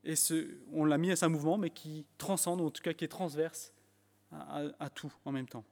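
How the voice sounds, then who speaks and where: A man's voice: fairly high pitch, steady tone, moderate pace, creaky, a little mellow. A man preaching a sermon in French with an English accent, emphatic at times and restarting his phrases with fillers. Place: church hall. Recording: long church hall reverb.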